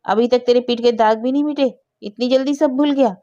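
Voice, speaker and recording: A woman's voice: on the high side, fairly even intonation, a little fast, mellow, dull audio, pitched above the performer's own voice, close to an everyday voice. Woman playing a weary stern young housewife. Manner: exasperated, scolding.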